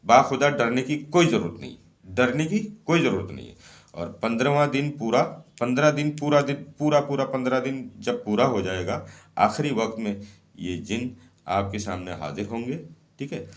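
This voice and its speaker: A man's voice: mid-range voice, animated, moderate pace. A man explaining a ritual step by step in a casual, repetitive way, often repeating phrases and checking in with "okay". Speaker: occult ritual instructor. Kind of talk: casual spoken instructions.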